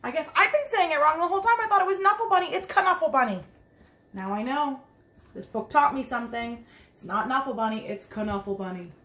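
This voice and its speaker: Reading a picture book to a group of children, this woman sounds high, expressive and fairly bright, moving a little fast. She's a preschool teacher who drops in chatty asides and easy explanations, captured in an echoing, roomy space.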